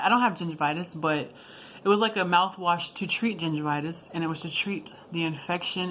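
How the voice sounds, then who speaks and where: A woman with a slightly low voice tells a personal story in a casual, rambling vlog style. She drops in asides and corrects herself as she goes, with clear background noise behind her. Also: fairly bright tone. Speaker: video blogger.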